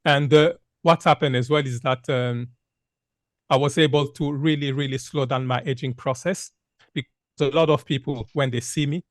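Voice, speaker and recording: An earnest man in his fifties, from Congo, talks to a group about his own experience. He repeats key points and pauses often on "uh". His voice is of middle pitch and the sound is dry with no room echo. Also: steady tone. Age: 50s. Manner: earnest, repetitive, many "uh" fillers. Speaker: speaker giving a health talk. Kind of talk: public talk with slides.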